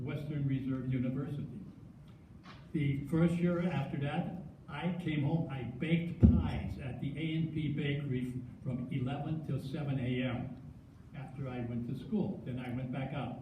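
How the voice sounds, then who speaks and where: An older man giving a halting acceptance speech, stuttering and restarting with self-deprecating humor. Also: fairly high pitch, steady tone, noisy background. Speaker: hall of fame inductee. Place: large hall with long echo. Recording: echoey hall, distant mic.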